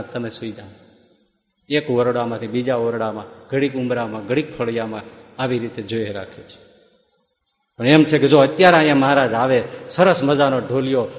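Echoing male devotional storyteller. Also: mid-range voice. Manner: vivid storytelling with acted quotes. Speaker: religious storyteller. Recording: echoey hall with long reverb.

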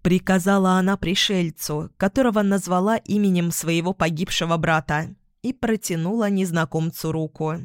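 An audiobook narrator reading a fantasy novel in an even, measured way. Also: mid-range voice, smooth, no echo, clean studio sound.

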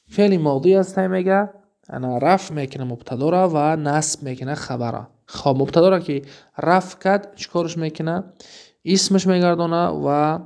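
Working through a textbook, this Tajik-accented Persian speaker teaches Arabic grammar in a recorded lesson, reading examples slowly before rapid explanations and frequent questions for the listener. His fairly high voice has vocal fry and a darkish tone.

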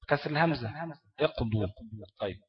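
Fast-talking Egyptian man teaching tajweed. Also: medium pitch, animated, lo-fi sound. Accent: Egyptian Arabic. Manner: asks rhetorical questions and answers them himself. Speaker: Quran recitation teacher. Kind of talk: explaining tajweed rules.

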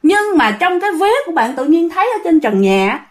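Animated woman telling ghost stories. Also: extremely high pitch, a little fast. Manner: animated, addresses listeners as "các bạn". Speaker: ghost story narrator. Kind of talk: casual spoken storytelling.

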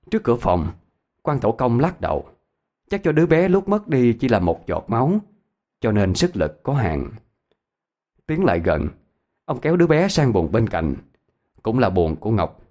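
A man narrating a ghost story in an expressive, dramatic storytelling voice. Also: medium pitch, normal speed, pauses often.

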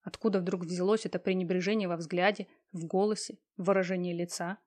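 A woman narrating an audiobook in a calm, even storytelling manner. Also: fairly low pitch, brisk.

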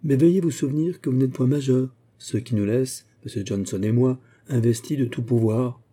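Male reader as a fatherly old scholar, gentle but flustered, dark husky voice, sometimes rising. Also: mid-range voice, moderate pace, lightly acted. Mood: earnest. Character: kindly elderly male scholar and guardian.

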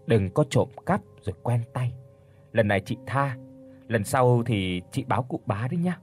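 A man voicing a kind young mistress who scolds gently, in a husky voice. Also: mid-range voice, expressive, normal speed, faint music behind. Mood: gentle.

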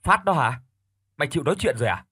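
A man voicing a stern older brother who presses loud, urgent questions into the phone. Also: fairly high pitch, very animated, fast, husky, no room sound, studio quality, exaggerated voice. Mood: impatient.

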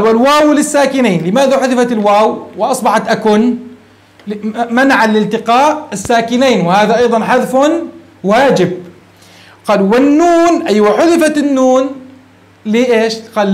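A man's voice: very high voice, quick pace. A man teaching grammar in a classroom lecture, explaining step by step and asking his students questions before answering them himself. He slips into phrasing.

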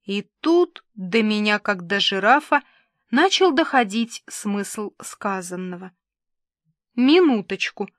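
A woman's voice: medium pitch, expressive, slow, a bit bright, no room sound, studio quality. A woman narrating a comic novel in the first person, in a wry, conversational storytelling manner. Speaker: audiobook narrator.

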